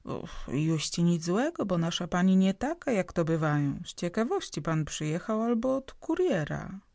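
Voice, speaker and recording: A woman voicing a blunt, grumbling working-class caretaker in an audiobook, with coarse, loud folk speech. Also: on the low side, very animated, moderate pace, creaky, no echo, clean studio sound. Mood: familiar chatty.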